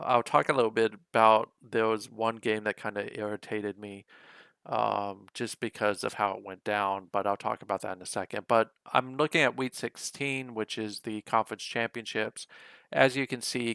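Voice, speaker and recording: Hoarse, gravelly man recapping casually. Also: fairly low pitch, fairly bright tone, no room sound. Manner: loose and conversational, with frequent hesitations. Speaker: host of a simulation football league channel.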